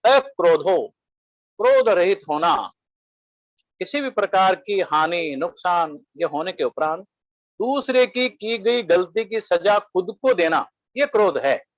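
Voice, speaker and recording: Man, high voice, measured webinar lecturer who lists points and quotes verses, dry close sound. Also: expressive, dry recording, low-quality recording. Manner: measured, listing points one by one, quoting Sanskrit verses.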